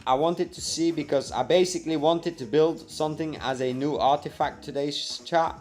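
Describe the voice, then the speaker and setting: A young man hosting a casual live stream, reading and answering viewer comments by name in a relaxed, chatty way. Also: a little high, moderate pace, soft background music.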